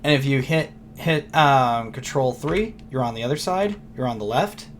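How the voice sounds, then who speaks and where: In this casual screen-recorded software tutorial, the teacher's voice is hoarse and fading, and he clears his throat as he rambles along, thinking aloud with plenty of fillers. He speaks at medium pitch and a moderate pace over a slight hiss or hum.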